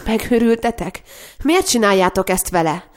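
A woman's voice: medium pitch, expressive, lightly acted. A woman reading the part of a young woman who is desperate, pleading and fiercely protective, in an emotional voice. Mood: distraught.

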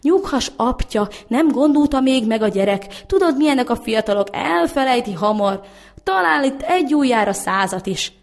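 A woman's voice: on the high side, lively intonation, voice pushed up. Coaxing older country mother read by a woman, storybook peacemaker. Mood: soothing. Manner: soothing, coaxing.

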